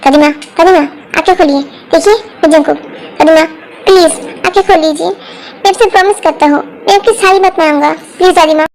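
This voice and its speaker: A woman's voice: very high voice, brisk, darkish tone. A woman voicing a stubborn, impatient young grandson who talks in an irritated tone. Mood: pleading. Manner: pleading then irritated, stubborn.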